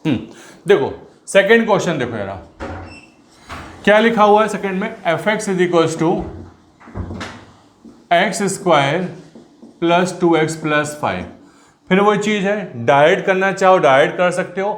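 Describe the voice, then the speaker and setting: High-voiced man teaching math. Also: lively intonation, unhurried, long pauses, echoey room, slight background noise. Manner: mixes Hindi and English, addresses students as beta, talks while writing. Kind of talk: online class lecture.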